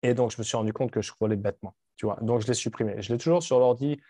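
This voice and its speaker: This late-thirties man, a vlogger in Dubai, talks quickly to camera in a dark, mid-range voice with no room sound. He's frank and casual, rambling, restarting, and swearing now and then.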